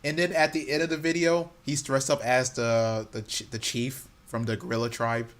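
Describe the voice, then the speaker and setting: A man co-hosting a gaming podcast, telling stories in a loose, laughing, animated way. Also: mid-range voice, moderate pace. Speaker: podcast co-host. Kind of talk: casual chat.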